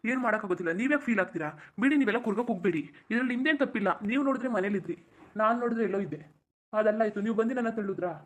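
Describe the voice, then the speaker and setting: A performer doing a fast-talking, soothing young husband. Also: mid-range voice, animated, lightly acted. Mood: reassuring. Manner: soothing, rapid reassurances. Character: calm young husband, gently reassuring. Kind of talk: cartoon voice acting.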